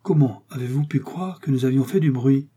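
Man doing a refined musketeer, reproachful, husky dark voice. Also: mid-range voice, normal speed, close to an everyday voice. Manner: reproachful, polished.

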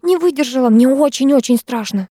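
A woman reading an audiobook, voicing a timid, frightened teenage schoolgirl in a high, pleading, trembling voice. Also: measured pace, dark tone, dry recording, studio quality.

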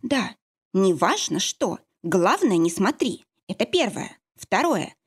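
A woman's voice: medium pitch, sing-song, takes it slowly, slightly rough, exaggerated voice. A woman reading an audiobook, voicing a fierce young heroine who snaps and growls orders. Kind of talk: audiobook character voice.

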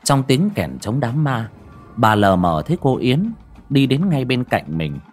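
Husky, expressive male horror storyteller. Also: mid-range voice, a little slow, faint music behind. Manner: expressive, dramatic. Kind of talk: scripted horror story narration.

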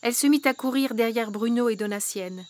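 A woman reading a children's fairy tale aloud in a lively, expressive way. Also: fairly high pitch, a little fast, no room sound. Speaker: storyteller. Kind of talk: storybook reading.

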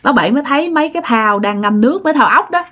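A woman's voice: high voice, animated, racing, fairly bright tone. A woman with a Southern Vietnamese accent narrating a ghost story in a chatty way, with filler phrases and asides to her listeners.

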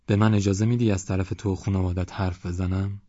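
A man reading a calm, coaxing village cleric. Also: sits low, no room sound, dull audio. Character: older male village cleric, calm and persuasive.

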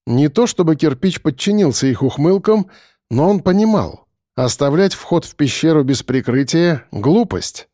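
A man reads a dark thriller aloud with dramatic, expressive delivery, his pitch rising and falling freely. His voice sits slightly higher than most men's, and the recording is close and dry. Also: normal speed, no room sound. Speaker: narrator. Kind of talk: audiobook narration.

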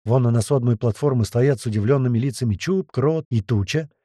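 A man narrating a first-person audiobook with vivid, lively storytelling. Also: mid-range voice, a little fast, husky, dry recording, studio quality.

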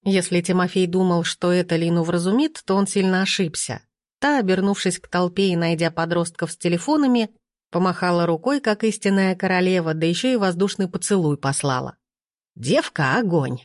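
A woman reading an audiobook aloud with slow, measured narration. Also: fairly low pitch, no echo, clean studio sound. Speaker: audiobook reader.

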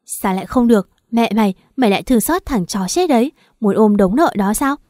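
A brash, foul-mouthed older friend scolds loudly and impatiently in this audio story, as a woman narrator puts her on. The voice keeps a warm, mellow colour under the swearing. The recording is dry and close. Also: a little high, lively intonation, brisk, dry recording, lightly acted. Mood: scolding.

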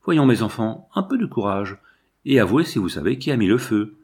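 A man's voice: lowish voice, very animated, darkish tone, breathy edge. A man reading aloud and voicing a severe but kindly older householder. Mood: gentle. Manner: measured, severe.

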